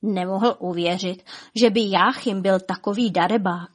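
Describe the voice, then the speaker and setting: A woman narrating a children's story in a calm, gentle reading voice. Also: mid-range voice, slightly rough.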